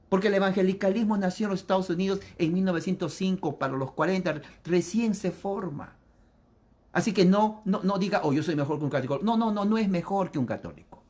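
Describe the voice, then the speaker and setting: A man preaching a catechism lesson in an emphatic, repetitive way, acting out opponents' objections in quoted voices. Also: high-pitched. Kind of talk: sermon.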